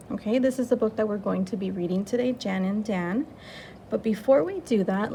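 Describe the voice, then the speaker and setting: A woman teaching young children an early reading lesson, speaking slowly and clearly, drawing out letter sounds and cheering them on. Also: mid-range voice, warm tone, slight background noise. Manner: slow, clear, encouraging teacher talk with drawn-out sounds.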